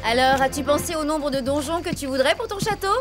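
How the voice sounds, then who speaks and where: A woman playing a cheeky, bold young hero in an animated series, wry and breezy. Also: high-pitched, fast. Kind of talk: animated series dub acting. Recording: loud music under the voice.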